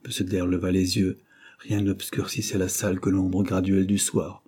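A man narrating a novel in a steady, measured audiobook reading. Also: low voice, slightly rough. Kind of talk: scripted narration.

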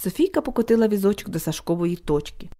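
A woman narrating a children's book aloud with expressive reading. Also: mid-range voice, fast. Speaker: audiobook narrator. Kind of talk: storybook narration.

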